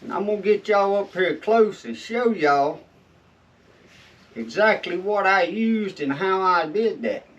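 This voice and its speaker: A video host with a Southern drawl gives folksy, informal how-to instructions from his shed, a wad of chewing tobacco in his lip slightly muffling his speech. His voice sits high and a bit bright, with lively intonation at a measured pace; the distant mic yields dull, lo-fi audio.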